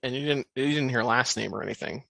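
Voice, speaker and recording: A man narrating a tabletop game as game master in a halting, deliberate storytelling manner. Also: medium pitch, gravelly, a bit bright, no room sound, rough recording.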